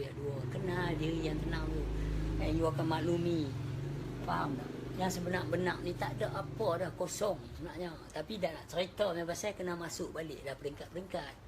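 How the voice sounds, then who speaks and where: A woman's voice: low voice, background noise. Chatty woman with a northern Malaysian accent. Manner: chatty, mixes in English words. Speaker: religious speaker. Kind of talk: casual religious talk.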